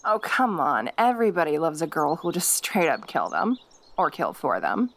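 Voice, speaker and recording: A jealous fox girl, played by a woman in an audio role-play, with a lively, swooping voice. She taunts her rival and makes threats with gleeful, possessive menace. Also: low-pitched, moderate pace, exaggerated voice. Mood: taunting.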